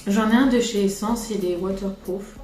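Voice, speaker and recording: A woman's voice: medium pitch, steady tone, moderate pace, a little mellow. Woman from France, casual makeup vlogger; rambling, self-deprecating, roomy sound with faint music. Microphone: camera on a tripod.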